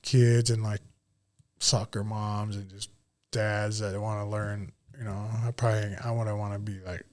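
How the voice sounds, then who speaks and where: An MMA fighter from Utah, an American in his late thirties, chats casually as a podcast guest, slangy and swearing freely. His voice is fairly low and flat, a little slow.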